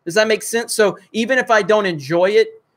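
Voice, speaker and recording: A livestream host speaks fairly quickly in a high-pitched, slightly bright voice. Rambling with many fillers, he reads viewer comments and super chats and answers them.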